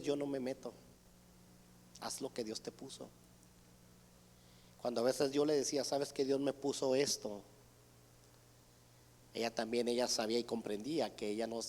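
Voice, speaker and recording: A man's voice: medium pitch, steady tone, moderate pace, pauses often, darkish tone. A man giving an earnest church testimony, retelling conversations with his mother and others. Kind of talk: sermon testimony. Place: church hall. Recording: church hall reverb.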